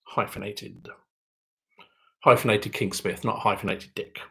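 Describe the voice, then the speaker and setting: A man's voice: lowish voice, steady tone, measured pace, creaky, fairly bright tone, rough recording. A man hosting a quiz, reading each question twice and adding dry joking asides. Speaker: quiz host.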